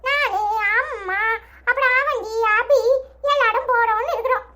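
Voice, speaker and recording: In a cartoon voice-acting clip, a woman pushes her voice up to a very high pitch to play a cheeky, teasing village grandson. She speaks at normal speed with a Tirunelveli Tamil accent, chuckling and bantering, over loud background noise.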